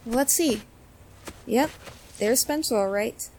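Actress as female gunslinger, high-voiced, breezy, flirtatious, comic Western drama, slight ambient noise. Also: takes it slowly, a little mellow.

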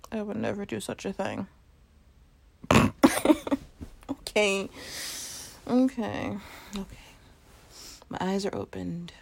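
A woman's voice: mid-range voice, creaky, full character voice. A woman playing a sleepy, playful girlfriend in an intimate role-play, murmuring in a whiny, teasing way and sometimes whispering. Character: sleepy playful girlfriend waking late on her birthday.

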